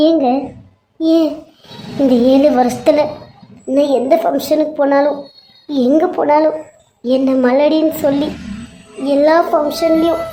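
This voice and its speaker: A woman voicing a young, pregnant wife in an animated serial, pleading and apologetic. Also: sits high, slight background noise. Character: young tearful wife, pregnant after long wait. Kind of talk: cartoon serial voice acting.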